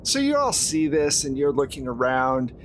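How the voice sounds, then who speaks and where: A man acts as game master for a horror tabletop roleplaying game, narrating conversationally with casual asides. His voice is on the high side and very animated, at a normal speed, with clear background noise in the recording.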